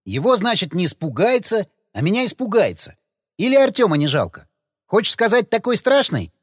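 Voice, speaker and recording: A man voicing a loud, quick-tempered, swearing male rider in an audiobook. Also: high voice, wildly swooping pitch, slightly rough, dry recording, studio quality, pitched above the performer's own voice, full character voice. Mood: angry.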